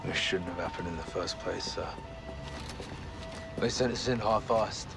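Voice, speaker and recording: An actor playing a frustrated, defiant army sergeant in a video game, blunt, bitter and clipped. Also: male voice, low-pitched, a little slow, vocal fry. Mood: bitter frustration. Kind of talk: cinematic video game acting. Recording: game music behind dialogue.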